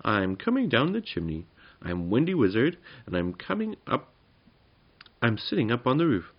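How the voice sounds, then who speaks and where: A man voicing a big, boisterous, hooting wind wizard who yells exuberantly in a children's storybook. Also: mid-range voice, huge pitch swings, normal speed, breathy edge, muffled recording. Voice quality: loud, hooting. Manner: yelling, exuberant.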